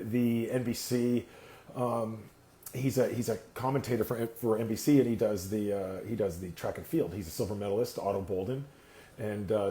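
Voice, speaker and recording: A man's voice: medium pitch, warm tone, echoey room. A man from California hosting a casual live talk show, rambling and filling time with many "uh"s while he waits for guests. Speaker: host. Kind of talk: casual livestream chat. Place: indoor room, seated on a sliding chair.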